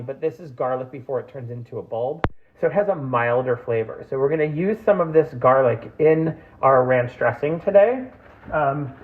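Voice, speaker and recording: A man hosting a casual home cooking demonstration in his kitchen, chatty and gushing, with frequent ums. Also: medium pitch. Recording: tinny phone-like audio.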